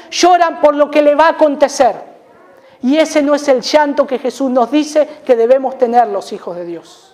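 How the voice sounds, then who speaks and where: A man's voice: very high voice, a little mellow. A middle-aged man with an Argentine accent preaching a sermon as pastor, emphatic, repeating key phrases for weight. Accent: Argentine Spanish.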